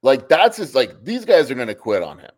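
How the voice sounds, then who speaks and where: On a sports podcast, this co-host argues his opinions in casual conversation, repeating "like" again and again. He talks a little fast at medium pitch, his intonation swooping wildly.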